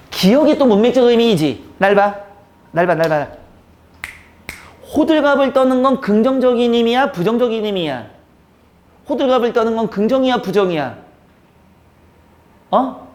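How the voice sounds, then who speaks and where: A male teacher lecturing a live classroom. He teases and scolds his students between explanations and keeps firing quick questions at them. Now and then he breaks into a squeaky voice to act out how they would react. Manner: teasing, scolding banter with students.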